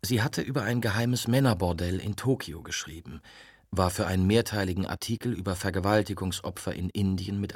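Low, husky male audiobook narrator. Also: no room sound, studio quality. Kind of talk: scripted narration.

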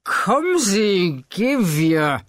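A man voicing an excitable, tipsy male wine connoisseur who talks loudly and insistently. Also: high voice, slow pace, dry recording, clean studio sound, voice pushed up, heavily acted. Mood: excited insistent. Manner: loud, exclamatory, insistent.

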